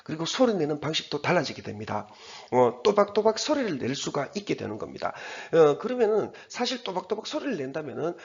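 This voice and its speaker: A middle-aged man teaching English, explaining slowly and patiently with many fillers and spelling words out letter by letter. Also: on the high side, sing-song, vocal fry. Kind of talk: lecture on English grammar and vocabulary. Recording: dull lo-fi recording.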